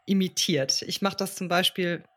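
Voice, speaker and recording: Woman hosting a relaxed podcast chat. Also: on the low side, moderate pace. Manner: affirming, frequent "ja" and "mhm" backchannels; relaxed, lightly hesitant with "äh" fillers. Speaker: podcast host. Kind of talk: conversational interview.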